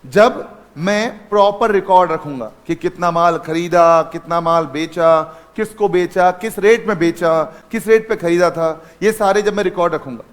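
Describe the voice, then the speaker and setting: A man's voice: high-pitched, moderate pace. Guy teaching accounting, keeps asking the class stuff and repeating the answers. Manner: calls students son, asks and repeats answers. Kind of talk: classroom lecture.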